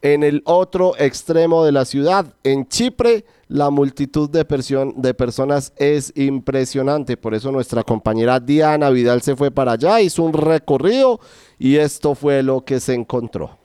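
Smooth-voiced male radio news anchor. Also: mid-range voice, a little slow, dark tone, no room sound, studio quality. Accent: Colombian Spanish. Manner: announcing times and handing over to reporters.

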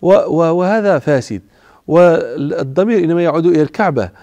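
A man's voice: on the high side, lively intonation, a little fast, warm tone, dry recording. A man giving a religious lecture, explaining old words as he goes and often stopping to restart a word. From Morocco. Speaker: religious teacher. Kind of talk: classical Arabic lecture on the Prophet's life.

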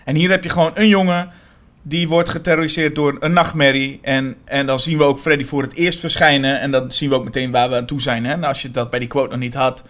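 A man co-hosting a podcast, talking casually about horror films in quick, animated bursts with many fillers. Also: mid-range voice. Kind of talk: casual film discussion.

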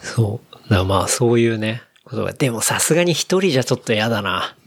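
A man's voice: on the low side, very animated, fast, vocal fry, slightly rough. A young man casually explaining a news story to a friend, with many fillers. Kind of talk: casual chat.

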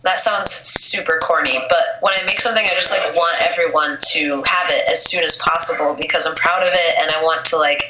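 Though she has a cold and her voice is fading, this young poet talks briskly in a deep, steady voice with few pauses. She's casual in the interview, peppering her speech with "like," and the room is echoey with faint noise.

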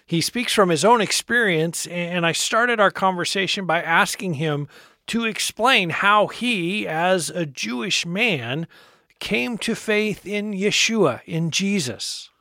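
Male radio host, high bright voice, smooth scripted intro, dry close sound. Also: animated, slow pace, no room sound. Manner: smooth, scripted, friendly delivery.

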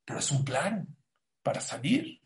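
A man giving a Torah class as a sermon, animated and preacherly, rising to loud emphatic bursts. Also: a little high, unhurried.

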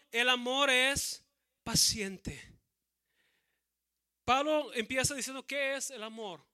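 A man pastor preaching a sermon, slowing to stress key words, often saying amen and repeating words. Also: extremely high pitch, pushed and bright, clear, resonant tone.

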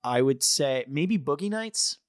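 A man's voice: fairly high pitch, animated, measured pace, dry recording, studio quality. Hesitant, thoughtful male podcast co-host. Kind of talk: casual film podcast chat.

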